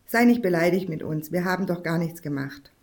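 A woman voicing a cheerful little girl who speaks gently and coaxingly. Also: fairly low pitch, brisk, close to an everyday voice.

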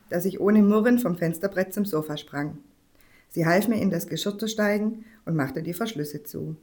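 Woman calmly reading a children's story. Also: lowish voice. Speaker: reader.

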